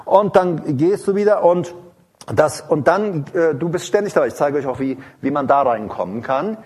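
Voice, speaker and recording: A man's voice: a little high, expressive, moderate pace, a little mellow, husky. A man preaching an informal sermon in a rambling, digressive way, with many fillers and restarts, breaking into sung praise and tongues between sentences.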